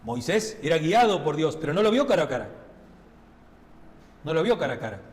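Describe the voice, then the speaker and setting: Very animated and brisk, this high-voiced Rioplatense pastor gives a chatty sermon in a church sanctuary. He keeps checking with his audience through frequent tag questions, his voice echoing with long hall reverb.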